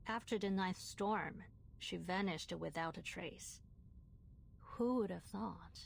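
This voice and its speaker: A woman's voice: lowish voice, slow pace, gravelly. A woman playing a suspicious gossip in a game, speaking in a speculative, pointed way. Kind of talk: game voice acting. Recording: faint noise and ambience behind.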